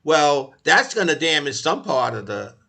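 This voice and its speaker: A man's voice: fairly high pitch, sing-song, measured pace, gravelly, pushed and bright. A man in his eighties co-hosting a casual talk show, earnest, often repeating and restarting words. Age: 80s. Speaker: co-host.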